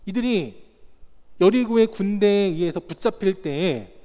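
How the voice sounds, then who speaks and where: Animated high-voiced pastor preaching in a hall. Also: male voice, measured pace. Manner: animated preaching, acts out quotes, rhetorical questions. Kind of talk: sermon. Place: church sanctuary. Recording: long reverb of a church hall.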